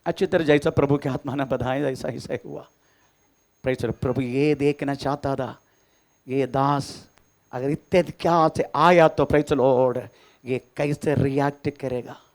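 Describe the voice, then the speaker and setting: A male pastor preaching a sermon, dropping to low murmurs and rising to high shouted declarations, often saying "praise the Lord". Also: fairly even intonation, unhurried.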